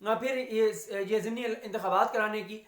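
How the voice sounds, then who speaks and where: A man's voice: sits high, steady tone, a bit bright. A man delivering political news commentary in a rhetorical way, stacking repeated phrases and using frequent "uh" fillers. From Pakistan. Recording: roomy echo.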